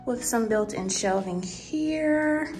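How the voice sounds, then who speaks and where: A young woman with a fairly high voice vlogs casually, speaking slowly over music as she walks her viewers through an empty apartment's kitchen and bare rooms. She's animated and talks right to the audience, tossing out plenty of "y'all" and "honey." Her handheld phone camera picks it all up in echoey rooms with long reverb.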